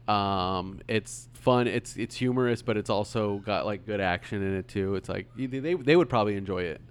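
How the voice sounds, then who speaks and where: A man's voice: fairly low pitch, normal speed, clean tone. A man hosting a podcast, talking casually and rambling with many ums and restarts. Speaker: podcast host. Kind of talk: casual chat.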